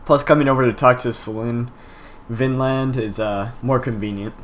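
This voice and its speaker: A man's voice: mid-range voice, steady tone, normal speed, a little hiss or hum. A young man giving casual game walkthrough commentary, laid-back and swearing freely as he explains the route.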